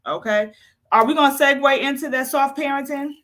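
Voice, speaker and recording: A woman's voice: high-pitched, a little fast. A woman hosting a casual online talk about parenting, telling stories and acting out what her daughter says. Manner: animated storytelling, acts out quotes. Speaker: host. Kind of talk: casual chat. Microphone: video call.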